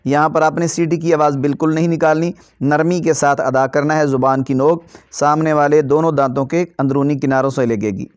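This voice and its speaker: A man teaching Quran reading who chants letter drills slowly and explains quickly in between. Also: fairly high pitch, fairly even intonation, dry recording. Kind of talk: slow drilled recitation lesson.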